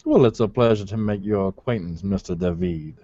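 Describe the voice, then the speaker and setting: A courteous, composed reverend, played by a man with a somewhat low voice and old-fashioned, formal politeness. The recording is dry and a little muffled. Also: brisk, dark tone, no room sound. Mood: polite.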